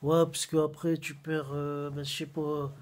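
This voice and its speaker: A man's voice: fairly high pitch, little pitch movement, unhurried. A man in his thirties rambling in a casual food-review vlog. He talks in slang and keeps repeating himself, filmed on a phone. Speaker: vlogger. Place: small room at home, then a busy fast-food restaurant. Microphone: phone camera at arm's length, then propped on a table.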